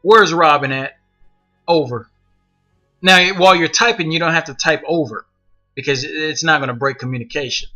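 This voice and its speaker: A man's voice: on the high side, steady tone, fast, sharp tone, highs cut off, soft background music. A man leading an online gaming group, training new members over voice chat with blunt, profane, commanding instructions.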